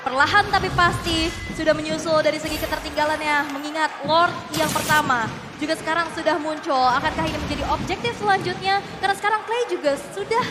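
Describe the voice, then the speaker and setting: A woman's voice: high-pitched, fast. A woman with an Indonesian accent giving live commentary on an esports match as a caster. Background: music.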